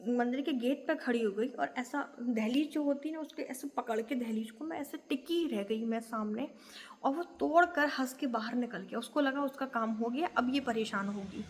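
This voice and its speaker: A woman telling an emotional personal story about her temple, speaking earnestly with many pauses. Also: fairly high pitch, big-room sound.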